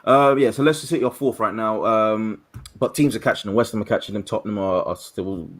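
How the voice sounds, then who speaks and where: A man with a low voice comes through a remote call that cuts out now and then. He runs through match results and table positions, thinking out loud as he goes. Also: quick pace. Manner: runs through scores and league standings, thinking aloud. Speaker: podcast guest. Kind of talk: casual football chat. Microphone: remote call with dropouts.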